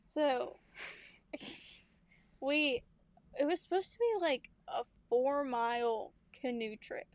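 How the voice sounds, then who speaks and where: A woman's voice: sits high, lively intonation, slow pace, long pauses. A young woman telling family stories in a casual chat, laughing often and acting out what people said. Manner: chatty storyteller, laughs often, acts out quotes. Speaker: podcast co-host.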